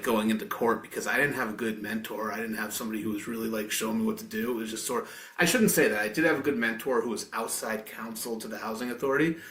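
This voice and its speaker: A man's voice: on the low side, fairly bright tone. A man in his forties hosting a podcast, talking in a loose, rambling way with many fillers and restarts. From Maine. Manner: rambling, frequent fillers and self-corrections. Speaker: podcast host. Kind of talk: casual interview chat. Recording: roomy echo.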